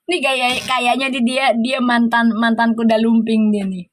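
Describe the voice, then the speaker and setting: Middle-aged female live-stream host, Sundanese-flavored Jakarta accent, high voice, teasing banter. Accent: Sundanese-flavored Jakarta Indonesian. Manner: teasing, laughing, playful banter. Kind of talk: casual live-stream chat with viewers.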